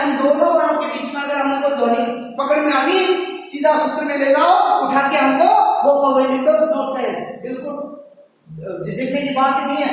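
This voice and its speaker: A woman teaching a grammar lesson, asking herself questions, repeating words and reassuring the class that it is easy. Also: high voice. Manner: reassuring, keeps saying it is easy. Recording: very echoey hall, far from mic, faint noise.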